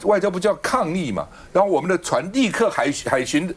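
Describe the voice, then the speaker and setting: A fast-talking man with a high, animated, slightly rough voice hosts a political talk show. Speaking into a studio mic, he argues combatively and keeps the rhetorical questions coming.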